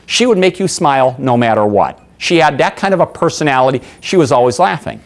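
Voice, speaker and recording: A man training a room of workers, telling anecdotes with lively acted voices and quizzing the audience. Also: mid-range voice, a little fast. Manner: animated storyteller, acts out voices, asks the audience. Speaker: sales trainer. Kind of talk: seminar talk with acted anecdotes.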